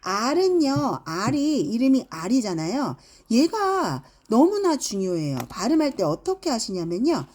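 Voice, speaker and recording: A woman's voice: on the high side, a little mellow. A middle-aged woman teaching English phonics, demonstrating each sound with exaggerated examples. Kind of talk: phonics lesson.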